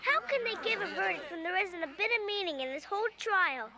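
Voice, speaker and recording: A woman playing an outspoken, sensible young girl in a theatrical fantasy drama, often calling out loudly. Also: very high voice, expressive, quick pace, crowd noise. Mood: indignant, frank.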